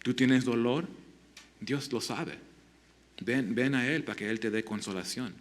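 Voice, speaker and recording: A man preaching a sermon as pastor, earnest and halting, often restarting his words and asking the listeners direct questions. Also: mid-range voice. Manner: asks the congregation direct questions.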